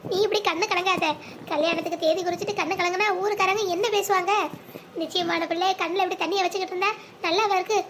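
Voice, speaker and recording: A devoted cartoon mother, anxious yet tender, coaxing her child with endearments, voiced by a woman. Her voice is very high and brisk. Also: steady tone, a bit bright, slight background noise. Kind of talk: animated family drama voicing.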